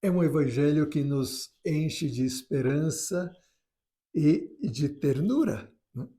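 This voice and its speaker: A man with a Brazilian Portuguese accent gives a gentle, unhurried spoken reflection on a gospel reading, often restarting his phrases. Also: on the high side, expressive. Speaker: priest giving a gospel reflection.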